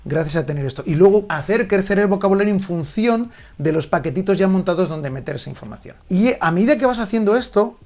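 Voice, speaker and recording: A man's voice: high voice, animated, fast, hardly any pauses, darkish tone, lo-fi sound. A man giving a video lesson on learning languages, explaining directly to the viewer and checking in often. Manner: direct, addresses the viewer with frequent "¿vale?". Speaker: language teacher.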